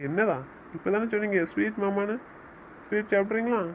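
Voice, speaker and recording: A man's voice: high voice, steady tone, fairly quick, muffled recording, slight background noise. A man playing a young newlywed husband who teases his wife and lectures her sternly in a romantic audio drama. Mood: playful. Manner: teasing, then stern and scolding. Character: young husband, teasing yet bossy with his new wife.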